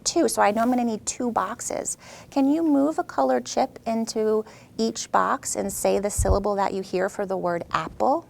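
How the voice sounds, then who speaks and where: A woman host and teacher who explains a reading skill clearly, then coaches a child with patient, upbeat praise. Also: on the high side, moderate pace. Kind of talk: scripted teaching intro and one-on-one demonstration.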